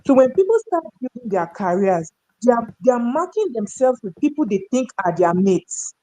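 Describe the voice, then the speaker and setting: Her fairly high pitch swings widely as she talks at normal speed, her tone dark. A human resources professional from North Central Nigeria and a talk show guest, she shares stories and opinions in a Nigerian accent, emphatic and full of rhetorical questions. Audio quality is poor.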